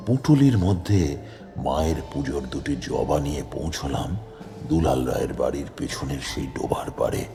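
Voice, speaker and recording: A man narrating a horror audio story in the first person in a slow, grave way, sometimes chanting. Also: extremely low pitch, expressive, music in the background.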